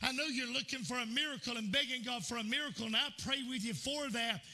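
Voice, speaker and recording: A man's voice: very high voice, quick pace, bright, forceful tone. A man preaching a sermon as pastor, talking to the congregation in a conversational way and asking them questions. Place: church.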